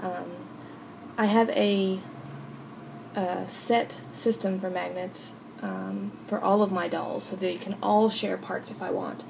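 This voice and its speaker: A woman hosting a casual, unscripted craft tutorial, talking informally and haltingly as she thinks aloud. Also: medium pitch, steady tone, vocal fry. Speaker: hobby video host. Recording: noisy home recording.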